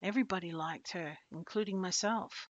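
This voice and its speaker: A woman's voice: on the low side, normal speed, no echo, natural voice. A woman reading as a tactful middle-aged man. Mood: warm. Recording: dull lo-fi dry recording.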